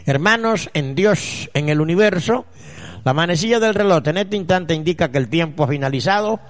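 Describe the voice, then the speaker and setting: A man's voice: on the high side, lively intonation, normal speed. A man who reads listeners' letters on air and answers them with solemn, earnest mystical advice. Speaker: radio spiritual advisor answering letters. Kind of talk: radio call-in letter reading and advice.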